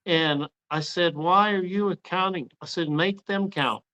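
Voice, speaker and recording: In a relaxed interview-style podcast, a former assistant coach who hosts the show tells stories from his coaching days, performing his own quotes to players. He speaks a little slowly in a high-pitched voice whose tone is sharp and clean, recorded on a slightly dull lo-fi mic.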